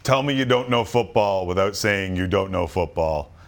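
A man hosting a sports talk radio show, excitable and quick to burst into loud reads. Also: low-pitched, creaky.

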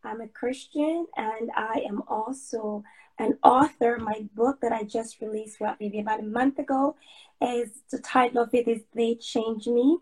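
A woman's voice: on the high side, steady tone, measured pace, a little mellow, low-quality recording. A woman from Jamaica, chatting as an interview guest on a livestream and talking with many "um"s and restarts. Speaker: guest, blogger and author. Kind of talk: casual interview chat. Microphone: livestream call.

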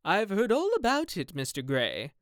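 A man's voice: high-pitched, wildly swooping pitch, normal speed, a bit bright, clear, resonant tone, no echo, studio quality, voice pushed up, heavily acted. A man voicing an aristocratic young duchess with an arch, teasing manner. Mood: animated, teasing.

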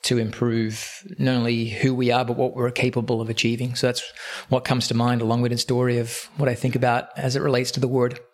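A man hosting a podcast, telling a long story in a reflective, unhurried way with frequent pauses. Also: medium pitch, little pitch movement, a little mellow. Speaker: podcast host, golf coach. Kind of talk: casual storytelling.

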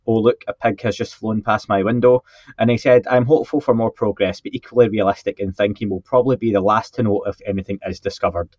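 A man's voice: lowish voice, steady tone, fast, a little mellow, dry recording. Joking man on a muffled mic. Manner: joking, self-deprecating, repeats words when starting. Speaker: podcast co-host. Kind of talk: casual podcast chat, reading listener comments. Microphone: podcast microphone with a faulty setup. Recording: dull, muffled mic sound.

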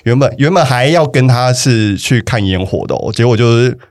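A man's voice: mid-range voice, animated, moderate pace. A young man with a Taiwanese Mandarin accent, casually telling a personal story on a podcast, hesitant and often repeating himself. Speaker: guest telling his breakup story.

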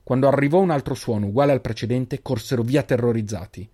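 A man narrating a fantasy story in a measured, even reading. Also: medium pitch. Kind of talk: audiobook narration.

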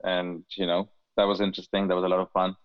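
A man's voice: sits low, monotone, quick pace, clear, resonant tone, no room sound. A man in his forties from India, a guest talking casually in an interview, hesitant with many fillers and restarts. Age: 40s. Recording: dry, phone-like line.

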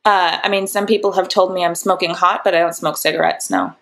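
A woman's voice: on the low side, steady tone, a little fast, vocal fry, fairly bright tone. Improv suspect played by a woman, evasive and cheeky, stammering through her alibi. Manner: hesitant, rambling explanations. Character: evasive female suspect, sassy. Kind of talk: improv comedy scene.

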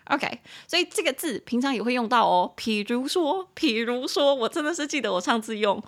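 A young woman hosting a podcast English lesson, playful and giggly, repeating and spelling English words slowly. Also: a little high, animated. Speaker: English teacher and podcast host.

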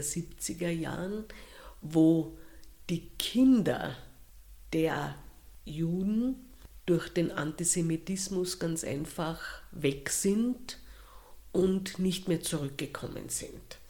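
A woman with an Austrian accent, answering interview questions in a slow, thoughtful way with pauses and restarts. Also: deep voice, darkish tone. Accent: Austrian German.

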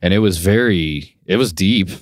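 Deep-voiced young man, rambling casual chat. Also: moderate pace. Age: 20s. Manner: rambling storyteller, swears freely. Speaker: podcast co-host.

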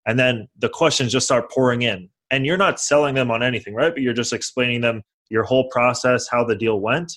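A young real estate investor from California, appearing as a guest, answers interview questions confidently in a bright, mid-range voice. He talks briskly with hardly any pauses, explaining how he got started and acting out the conversations he had back then.

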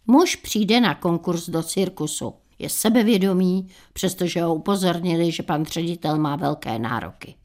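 A woman in her sixties hosting a radio show, telling humorous anecdotes in a dry, unhurried way. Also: on the low side, animated, darkish tone. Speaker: radio host.

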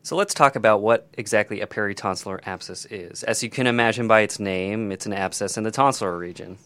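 A man's voice: lowish voice, fast, fairly bright tone. A man co-hosting a scripted emergency medicine teaching podcast, explaining procedures in detail, step by step.

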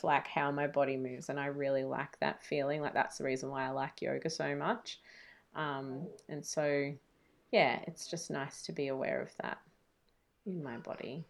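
A woman with a low, gravelly, creaky voice repeats short phrases softly during a tapping session. When she chats, she rambles casually with plenty of fillers. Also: fairly even intonation, normal speed. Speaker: guest, nutritionist.

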